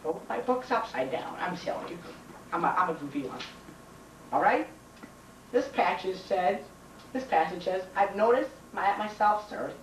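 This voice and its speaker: A young man doing a teacher impression of a goofy, indulgent female high school teacher, repeating himself in an amateur comedy skit. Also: expressive, moderate pace, long pauses, far from the mic. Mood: chirpy, goofy. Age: young adult. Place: home kitchen. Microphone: camcorder a few feet away. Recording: noisy, roomy home camcorder audio.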